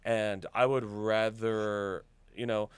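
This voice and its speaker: Man, lowish voice, smooth and resonant, blunt emphatic casual chat, dry video-call sound. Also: level tone, slow pace, dry recording. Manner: emphatic, blunt, filler-heavy with many "like"s. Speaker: guest on an online acting Q&A.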